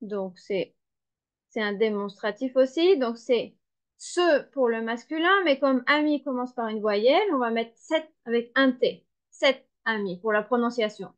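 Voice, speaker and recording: A woman teaching French, reading a dictation slowly and explaining each word with care. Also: fairly high pitch. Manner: slow, careful, spells and explains each word. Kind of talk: slow dictation lesson. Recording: dull lo-fi sound.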